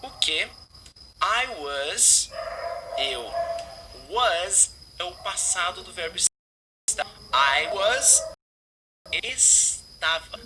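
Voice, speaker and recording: A man's voice: high voice, noisy background. A man teaching English, explaining phrases and drilling pronunciation by repeating words.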